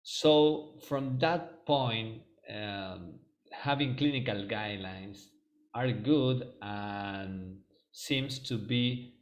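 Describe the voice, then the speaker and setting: A native Spanish speaker from Argentina, this man gives a webinar presentation over a video call in an Argentine Spanish accent. His voice is on the low side and he draws out his words, often hesitating with ums and restarting.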